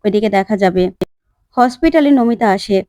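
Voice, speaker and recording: A woman's voice: fairly high pitch, normal speed, dry recording, clean studio sound. Woman retelling a serial episode. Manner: plain, steady storytelling. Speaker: narrator.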